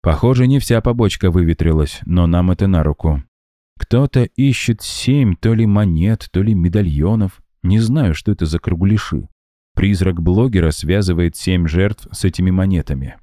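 An earnest young medium who talks intently and seriously about what he has seen, as a male reader voices him. The voice is deep and dark. The recording is dry and close. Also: moderate pace, dry recording, close to an everyday voice.

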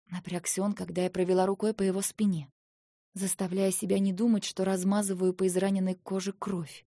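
A woman reads a first-person fantasy novel aloud in an expressive voice that moves between quiet and heated. Her voice sits at a middle pitch, and the recording is dry and close. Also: fairly quick, dry recording. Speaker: audiobook narrator. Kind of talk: first-person audiobook narration.

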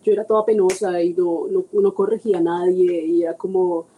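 A woman talking as a guest in a casual conversation, animated, acting out quoted people and laughing. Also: fairly low pitch, a little fast, slight background noise, rough recording.

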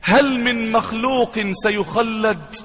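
A preacher doing tearful holy fool Bahlul. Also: male voice, very high voice, fairly bright tone, full character voice. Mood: solemn. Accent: Egyptian Arabic. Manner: tearful, then slow and solemn. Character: wise holy fool weeping before the caliph, man. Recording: long hall reverb.

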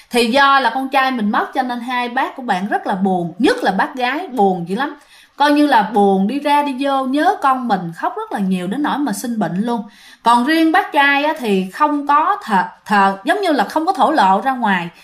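A woman with a Southern Vietnamese accent, telling ghost stories in a chatty way, often addressing her listeners. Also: a little high. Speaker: storyteller and channel host. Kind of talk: casual ghost-story narration.

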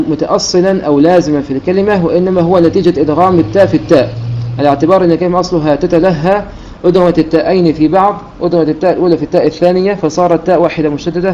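A man's voice: a little high, mellow, dull audio, a little hiss or hum. A man teaching a religious lesson on Quran recitation rules, explaining step by step and breaking into recited verses.

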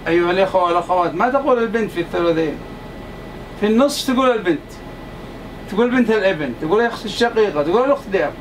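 A man teaching a class, stressing and repeating each point to his students. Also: high voice. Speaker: lecturer. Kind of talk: classroom lecture. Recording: distant mic, faint air-conditioner hum.

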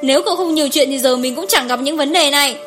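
A woman voicing an upset pregnant young wife, sharp and defensive, in an audiobook story. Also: a little high, brisk, faint music behind, natural voice. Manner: sharp, defensive, then calm and resolute.

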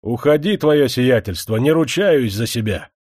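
A man's voice: medium pitch, animated, normal speed, a little mellow, slightly rough, no echo, studio quality. A man voicing a stern factory worker who firmly stands up to a general. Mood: firm defiance. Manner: restrained, firm, threatening. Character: burly defiant factory worker, steady and stern.

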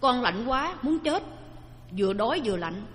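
A woman's voice: on the high side, big pitch swings, moderate pace. A woman voicing an eager five-year-old boy, retelling his story innocently. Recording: long hall reverb.

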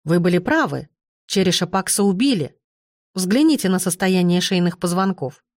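An audiobook investigator, a stern and confident man with a cold, formal way of speaking, as a woman narrator reads him. His voice sits low and even, recorded close and dry with no room around it. He talks with clipped, businesslike certainty. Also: moderate pace, no echo, natural voice. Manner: cold, self-assured, formal.

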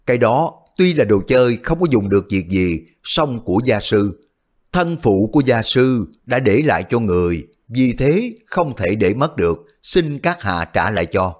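A man voicing a fat, outwardly gentle but crafty male martial artist who talks with polite, formal pleading. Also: mid-range voice, very animated, moderate pace. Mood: courteous.

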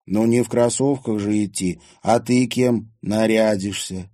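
A man's voice: lowish voice, fairly even intonation, a little slow, dark tone, dry recording, studio quality, pitched above the performer's own voice, close to an everyday voice. A man voicing a flighty, scheming teenage schoolgirl in an audiobook, chirpy and wheedling.

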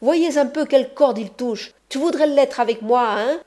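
A woman reading an audiobook, voicing a quarrelsome young woman who shouts and scolds. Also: sits high, normal speed, pitched above the performer's own voice, close to an everyday voice. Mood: scornful. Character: shrill quarrelsome young woman, furious and scornful.

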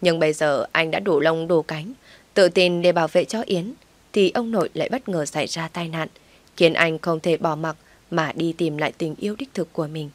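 A woman narrating a dramatic audio story in a steady, measured way. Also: low-pitched, no echo.

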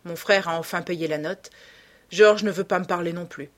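A woman's voice: lowish voice, normal speed, lightly acted. A woman voicing a listless, ruined young man who speaks in sighs and murmurs. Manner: sighing and murmured.

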